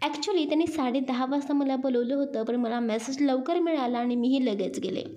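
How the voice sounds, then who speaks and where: Woman playing shy young office worker, bashful, soft-spoken, high voice. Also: brisk, lo-fi sound, lightly acted. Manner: bashful, hushed, telling a story.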